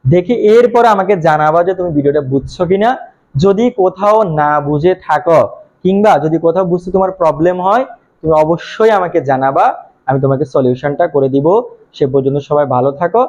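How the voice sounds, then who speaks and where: A young man teaching a video lesson to students, asking questions and answering them himself, repeating each point slowly and patiently. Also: fairly high pitch, a little mellow, dull audio. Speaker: English teacher.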